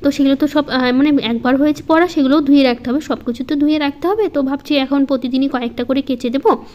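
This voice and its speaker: A woman narrates a casual home vlog over her footage. Her voice sits high but sounds mellow and warm. She speaks softly and slowly, and now and then she pauses or gets stuck on a word. The voice-over recording is a little dull and lo-fi. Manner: slow, soft-spoken, halting. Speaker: home vlogger.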